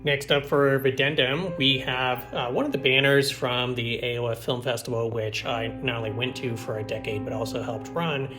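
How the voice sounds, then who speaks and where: Male host and filmmaker with a mid-pitched voice, casual and chatty, faint music bed. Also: steady tone, normal speed, hardly any pauses. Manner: easygoing, chatty, with small laughs and fillers. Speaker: filmmaker hosting his own show. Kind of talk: casual narration over behind-the-scenes clips.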